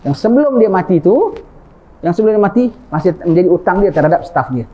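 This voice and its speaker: A man's voice: sits high, sing-song, fast, muffled recording. A man with a Malaysian Malay accent giving an informal religious talk, often checking in with his listeners. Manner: conversational, often asks the audience 'ha?'. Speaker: religious preacher. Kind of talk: informal sermon.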